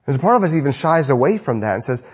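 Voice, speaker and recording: A male pastor preaching a sermon in an animated, conversational way. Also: medium pitch, racing, breathy edge.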